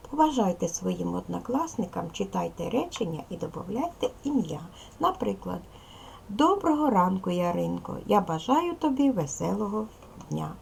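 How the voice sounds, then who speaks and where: A woman teaching a recorded lesson to young children, speaking slowly and carefully and addressing them directly as a primary school teacher. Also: mid-range voice, gravelly, darkish tone, a little hiss or hum, rough recording.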